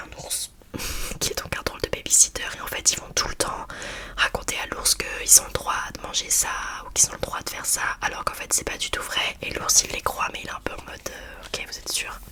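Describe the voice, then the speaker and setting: A woman speaks in a soft library whisper, presenting children's books for ASMR in a casual, hesitant, chatty way.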